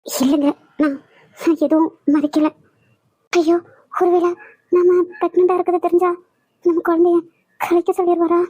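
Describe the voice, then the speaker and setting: A woman voicing a fearful, secretive young wife in a cartoon drama, soft-spoken, pleading and evasive. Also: extremely high pitch, level tone, moderate pace, long pauses, no echo. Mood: anxious.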